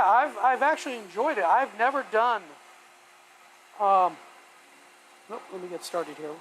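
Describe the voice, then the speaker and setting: A shop vacuum hums steadily through this rough recording of a hobby woodworker live-streaming from his home workshop. With a medium-pitched voice, he chats casually and rambles folksily, thinking out loud as he works.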